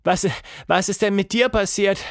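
A man voicing a stubborn, cheeky little girl in a children's story, calling out loudly. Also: fairly high pitch, expressive, normal speed, no echo, studio quality, pitched above the performer's own voice. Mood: eager, loud. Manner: loud and eager.

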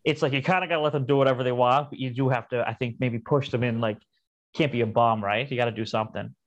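A man with a Cape Breton accent chats casually at a rapid clip. He is blunt and foul-mouthed, rambling from one story to the next. The sound is slightly dull and lo-fi. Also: mid-range voice, steady tone. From Cape Breton, Nova Scotia, Canada. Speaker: comedian guest. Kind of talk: casual chat.

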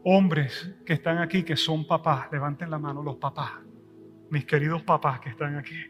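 A middle-aged man preaches to his church in a fairly high, bright voice. He rises to loud, ringing peaks and then drops to a soft, quiet delivery. Soft music plays underneath. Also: fairly even intonation, normal speed. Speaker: pastor. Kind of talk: sermon. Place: church service.

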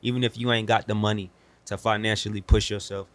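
A man's voice: fairly low pitch, flat delivery, quick pace, a bit bright. A young American man chatting casually in slangy, profane, emphatic street talk. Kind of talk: casual chat.

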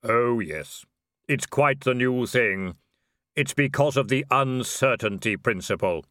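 A man voicing Death, a calm, matter-of-fact robed supernatural being in an audiobook, in a slow, solemn deadpan. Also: mid-range voice, dry recording, studio quality.

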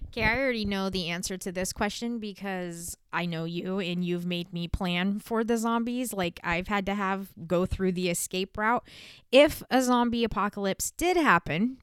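A woman's voice: medium pitch, normal speed, smooth, no room sound, studio quality. A woman hosting a casual podcast, interviewing her wife in a playful, teasing way. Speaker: podcast host.

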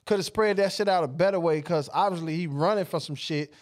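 Chill podcast host guy, kinda high voice, joking around. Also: fairly quick. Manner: laid-back, joking. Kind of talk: casual podcast chat.

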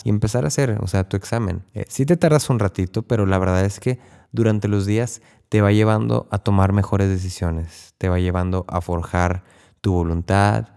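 A young Mexican man talking casually about prayer, acting out his own thoughts in quick, chatty asides. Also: on the low side, dark tone, clear, resonant tone. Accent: Mexican Spanish. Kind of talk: casual spiritual teaching.

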